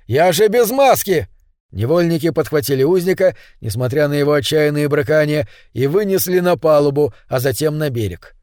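A man reading an audiobook as narrator in an even storytelling manner. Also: fairly high pitch, a little fast, hardly any pauses, clean tone, no echo, clean studio sound.

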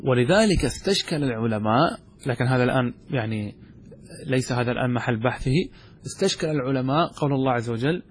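A man's voice: medium pitch, expressive, slight background noise. A man, a sheikh, giving a grammar lesson, explaining step by step and often checking that his students follow. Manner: explains step by step, checks understanding with quick questions. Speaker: sheikh teaching Arabic grammar. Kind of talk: classroom lecture.

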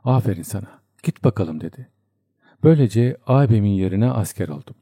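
A homesick young soldier who confides in long, rambling stories, read by a male narrator. The voice is low and dark. It stays close to the reader's own sound. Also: lively intonation, a little fast, dry recording. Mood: rueful. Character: homesick young soldier, man, chatty and earnest.

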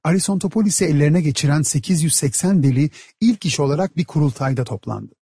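Male audiobook narrator, measured and steady, slightly high, dry close sound. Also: breathy edge, dry recording. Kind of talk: audiobook narration of a satirical story.

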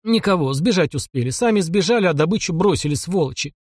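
A man's voice: on the high side, lively intonation, fast talker, a little mellow, breathy edge, no echo, clean studio sound. A man voicing a greedy merchant who wails and whines near tears, in an audiobook. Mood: shrieking. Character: wailing, whining older male merchant, greedy.

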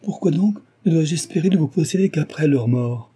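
A man's voice: mid-range voice, normal speed, warm tone, husky, lightly acted. A man voicing an ardent, passionate young suitor in an audiobook, pleading with energy. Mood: impassioned. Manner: impassioned, pleading.

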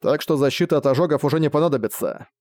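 A man voicing a carefree male priest who mentors a student, speaking in an unhurried, lightly mocking way. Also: on the high side, a little mellow, no echo, clean studio sound, close to an everyday voice. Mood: lecturing.

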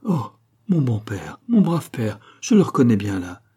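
A man's voice: medium pitch, a little fast, warm tone, breathy edge, voice pushed up. A man reading an audiobook voices an anxious young farm girl who asks curt, tense questions. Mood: somber.

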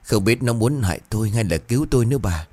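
A man doing a hoarse brooding old husband. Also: expressive, fast talker, dark tone, no room sound. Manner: low, hoarse, weary. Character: troubled older village husband, quiet and brooding.

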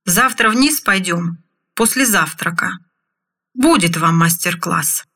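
A woman's voice: on the low side, lively intonation, slow pace, bright, forceful tone, exaggerated voice. A woman voicing a shrewd male mine secretary who speaks in a knowing, matter-of-fact way in an audiobook.

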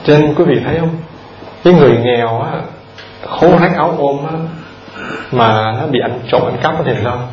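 A man's voice: medium pitch, normal speed, pauses often, slight background noise. A Buddhist monk giving a conversational dharma talk, repeating words and putting questions straight to his listeners. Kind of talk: dharma talk to a lay audience. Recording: roomy, dull lo-fi recording with audience.

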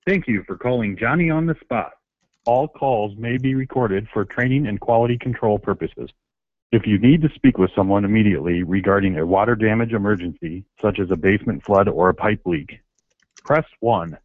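Man, recorded phone greeting, landline phone line, low voice, thin narrow sound, dry. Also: normal speed, no room sound. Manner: even, formal recorded announcement. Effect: heard over a landline phone. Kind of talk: scripted phone menu message.

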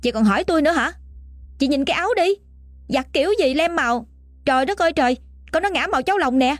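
A woman voicing a spoiled, quick-tempered young woman, shrill and shrieking. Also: expressive, no room sound, faint music behind. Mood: furious.

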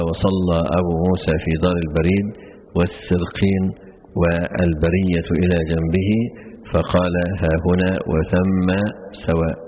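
An Islamic scholar with a very low, flat voice teaches hadith commentary on a classical religious text, moving quickly through his explanations and pausing on many "aah" fillers. The recording is tinny and phone-like, with faint hiss behind it.

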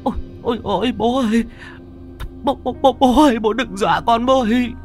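A man voicing a shrill, hot-tempered village woman in a ghost story. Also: animated, moderate pace, soft background music. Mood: terrified.

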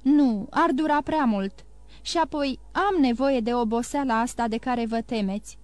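A woman's voice: on the high side, darkish tone, no room sound, close to an everyday voice. A woman voicing a distraught young nobleman. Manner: urgent, pleading.

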